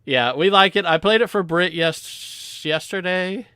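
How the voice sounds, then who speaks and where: A man hosting a casual game live stream from home, rambling softly as he chats with his viewers. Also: sits high, unhurried, clean tone, no echo, studio quality. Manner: rambling, soft-spoken, chatting with viewers.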